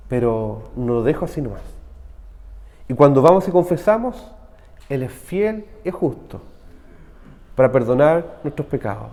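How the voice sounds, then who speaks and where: A pastor with a Chilean Spanish accent delivers a conversational sermon in a church hall, his mellow, medium-pitched voice trailing a long reverb. He frequently tosses a rhetorical "¿cierto?" ("right?") to his listeners.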